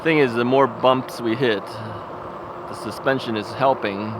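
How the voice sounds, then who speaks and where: A vlogger with a medium-pitched, steady voice speaks slowly while riding an ebike on suburban streets, rambling, chuckling often, and questioning himself as he thinks aloud into a bike-mounted camera. Traffic and wind noise fill the outdoor recording.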